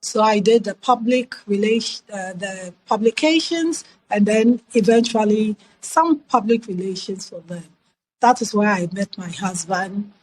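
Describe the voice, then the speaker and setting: In a low-quality recording, a middle-aged Ghanaian-accented woman with a medium-pitched voice recounts her life story as an interview guest. She speaks in a measured, reflective way, repeating points for emphasis.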